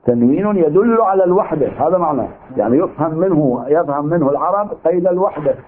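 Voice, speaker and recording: A man teaches a seminary lecture in an Iraqi Arabic accent, working through his reasoning with rhetorical questions. His voice sits a little high for a man. The sound is thin and tinny, like a narrow-band recording. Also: animated, quick pace. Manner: argumentative, poses rhetorical questions. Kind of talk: lecture on legal theory.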